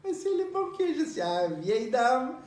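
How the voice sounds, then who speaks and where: A man doing a sly, high-voiced old woman. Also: big pitch swings, darkish tone. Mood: coaxing. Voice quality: high, wavering falsetto. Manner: drawn-out, sing-song delivery. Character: cunning 95-year-old woman, sly gambler. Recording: roomy, from a distance.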